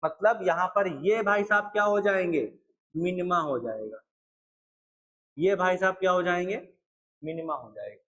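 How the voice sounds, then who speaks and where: A man's voice: high voice, normal speed, pauses often, a bit bright, poor audio. A young man lecturing on math at a board, repeating points and asking his students questions. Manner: repetitive, asks students questions. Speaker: math teacher.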